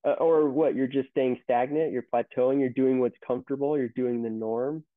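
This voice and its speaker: A man's voice: mid-range voice, steady tone, normal speed, no echo. A man in his thirties, a company CEO, telling stories in a casual interview with many restarts. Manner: rambling, storytelling with many restarts. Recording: tinny phone-like line, dry.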